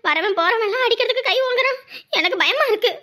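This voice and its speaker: A woman's voice: very high-pitched, expressive, fast, pushed and bright. A woman in a scripted family drama, pleading and fearful as a wife and mother, with a Tamil accent.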